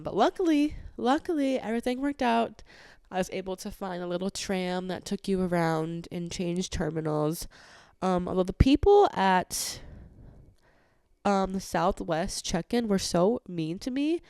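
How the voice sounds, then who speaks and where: A woman's voice: on the low side, a little mellow, smooth, no room sound, studio quality. A woman hosting a podcast, telling a travel story in a casual, chatty way with lots of "like"s and an exasperated edge. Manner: chatty, many filler "like"s, exasperated retelling. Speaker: podcast host.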